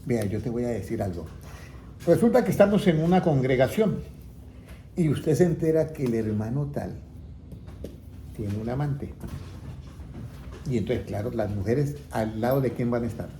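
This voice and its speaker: A man's voice: mid-range voice, expressive, normal speed, pauses often, dark tone. A man teaching the Bible to a small group, often asking them questions and waiting for answers. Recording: echoey room with faint background noise.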